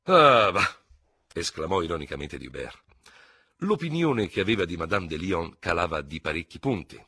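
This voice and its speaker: A man reads a classic novel aloud in a very deep, husky voice. His delivery is expressive and theatrical, rising and falling with lively swings of pitch. The recording is dry and close-miked in a studio. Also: moderate pace, no echo. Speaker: audiobook narrator. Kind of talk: scripted literary narration.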